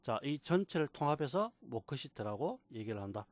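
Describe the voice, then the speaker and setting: A man teaching a software class, patiently repeating key terms and asking rhetorical questions. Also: mid-range voice, big pitch swings, brisk, no room sound. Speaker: computer instructor. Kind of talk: screen-recorded software tutorial.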